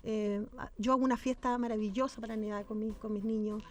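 A woman's voice: fairly high pitch, fairly even intonation, fast talker, darkish tone. A middle-aged woman with a Chilean accent, a guest telling a personal story with animation. She acts out the lines of people in her story and repeats words for emphasis. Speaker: guest businesswoman.

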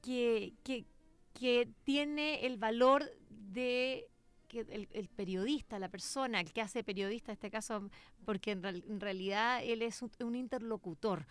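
Lady interviewer, smooth clear voice, lots of ehs, kind of highish. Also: measured pace. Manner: hesitant, full of "eh" fillers and restarts, warmly enthusiastic. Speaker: journalist interviewer. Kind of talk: cultural interview.

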